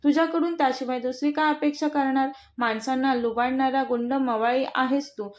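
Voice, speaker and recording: A woman's voice: high-pitched, fairly even intonation, brisk, natural voice. A woman voicing a brash, teasing young husband in a storybook reading, with a mocking, bossy manner. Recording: dull lo-fi recording.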